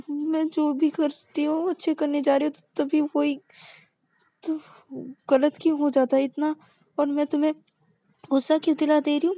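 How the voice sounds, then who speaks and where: A woman's voice: sits high, dark tone, no echo, voice pushed up. A woman voicing a young woman who pleads and apologizes, stammering and repeating words.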